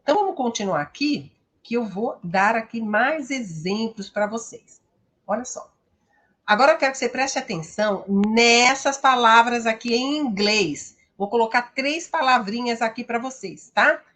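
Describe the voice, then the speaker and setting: A woman's voice: a little high, animated, normal speed, a bit bright. A Brazilian woman English teacher giving a live-streamed pronunciation lesson, explaining patiently and often checking in with her viewers. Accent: Brazilian Portuguese.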